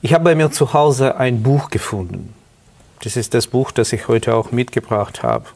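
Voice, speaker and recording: A middle-aged man from Ukraine with a Ukrainian accent, earnestly telling his life story as a guest in halting German. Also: medium pitch, lively intonation, creaky, a little mellow. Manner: earnest, halting non-native German with restarts. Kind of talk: personal testimony interview.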